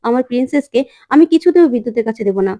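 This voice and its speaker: A man's voice: very high-pitched, animated, very fast, mellow. A woman voicing a protective man who refuses to give up a child, speaking firmly. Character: protective man, firm and defiant.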